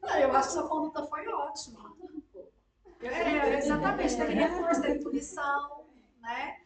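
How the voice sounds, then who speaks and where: High-voiced woman instructor in an echoey room. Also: normal speed, far from the mic, over a noisy crowd. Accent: Brazilian Portuguese. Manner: direct, reassuring, frequent tag questions. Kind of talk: class discussion. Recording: echoey room, away from the mic.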